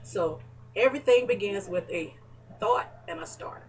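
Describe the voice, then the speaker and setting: A woman's voice: mid-range voice, sing-song, moderate pace, vocal fry, distant mic, a little hiss or hum, poor audio. A woman interviewing her neighbor in a casual home chat, chatty and playfully teasing. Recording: voice from away from the mic.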